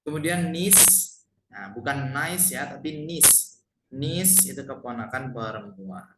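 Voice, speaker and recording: A man with an Indonesian accent teaching English family words in a relaxed online lesson, repeating each word and then translating it. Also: medium pitch. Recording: echoey room, faint noise.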